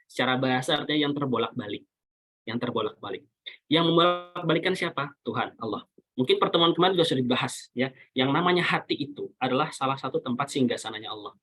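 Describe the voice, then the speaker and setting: A man speaking on a video call, giving a relaxed, explanatory religious talk and quoting Arabic scripture now and then. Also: mid-range voice, breathy edge. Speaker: webinar speaker.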